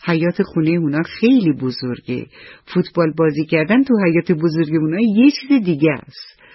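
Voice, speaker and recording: A woman storyteller reads a bedtime story to children on the radio, lively and speaking straight to the kids. Her voice is husky and rather low. The recording is dry and dull, like old radio. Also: dry recording.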